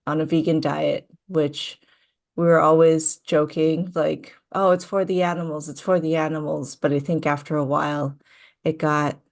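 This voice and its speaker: A woman's voice: deep voice, fairly even intonation, creaky. A young adult woman from Hawaii, a coaching client talking through her story in an interview, thoughtful and full of fillers. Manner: slow, thoughtful, with frequent fillers. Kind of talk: interview conversation.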